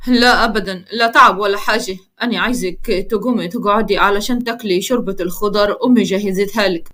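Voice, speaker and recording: A woman voicing a firm, protective young man with an Upper Egyptian accent, calm and low-voiced. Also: quick pace, natural voice. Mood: gentle.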